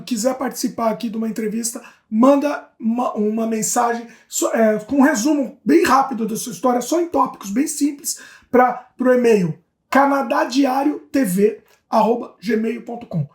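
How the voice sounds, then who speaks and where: A woman from Brazil co-hosting a casual chat show, reading viewer comments aloud with lively asides. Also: fairly high pitch, normal speed. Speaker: co-host. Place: home in Canada. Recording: roomy echo.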